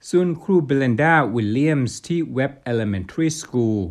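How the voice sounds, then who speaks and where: A man reporting the news, reading a formal script in a polite, measured way as a studio voice-over. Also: medium pitch, expressive, a little mellow. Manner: polite formal delivery with Thai polite particles.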